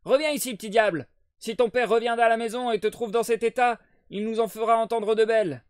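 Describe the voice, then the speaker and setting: A man voicing a vigorous, worried boatman's wife and mother, in a loud, high, pleading voice. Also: moderate pace, no echo, studio quality, natural voice. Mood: scolding.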